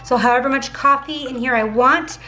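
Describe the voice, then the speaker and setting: With soft music in the background, the cooking vlogger speaks briskly in a high, sharp-toned voice that stays fairly even, her dental aligners giving her a slight lisp. Her kitchen vlog chatter is chatty, addressed to "guys," and thick with fillers such as "like."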